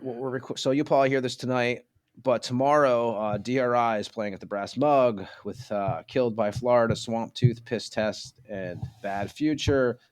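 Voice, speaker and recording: A man's voice: medium pitch, dry recording, clean studio sound. A man hosting a podcast in a casual, informal interview style, addressing the guest like a buddy. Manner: informal, says "man" often. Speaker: podcast host.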